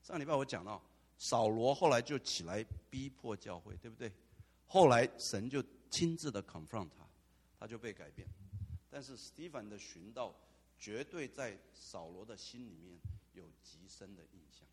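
A man preaching a sermon as pastor, animated, with dramatic asides. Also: lowish voice, moderate pace, slightly rough. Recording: long hall reverb.

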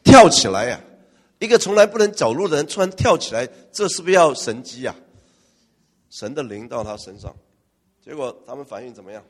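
A man's voice: mid-range voice, brisk, husky. Joking male pastor in a reverberant hall. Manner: lively, joking, asks the congregation questions. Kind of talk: preaching a sermon. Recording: long church-hall reverb.

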